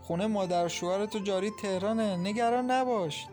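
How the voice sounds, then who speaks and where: A male narrator lifting his voice into a gentle young mother, pitched a little high and speaking softly. She reassures and teases with easy warmth, as a character in an audiobook. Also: soft background music, lightly acted. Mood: teasing. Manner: soft, reassuring, teasing. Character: gentle young woman, calm loving new mother.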